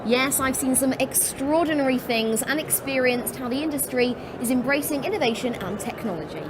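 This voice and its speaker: Woman news presenter, bright upbeat read, noisy ambience. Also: high-pitched, a little fast. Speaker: trade show news presenter.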